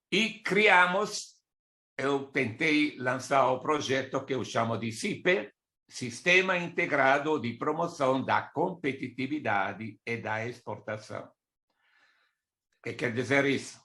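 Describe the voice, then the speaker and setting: An older native Italian speaker from Italy, working as an export consultant, gives a talk on business matters with an Italian accent, teaching didactically through asides and listed examples. His medium-pitched voice is expressive, pushed and bright, and he takes his time.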